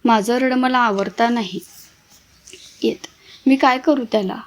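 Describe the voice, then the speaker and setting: A woman's voice: on the high side, a little slow, lightly acted. A woman reading the part of an orphaned young woman who pleads with her brothers through tears. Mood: pleading. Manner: pleading, emotional.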